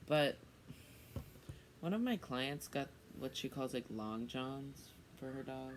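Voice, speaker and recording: A man's voice: medium pitch, animated, slow, noisy background. A young man working as a dog walker, answering in a dry, blunt, teasing way. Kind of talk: casual interview.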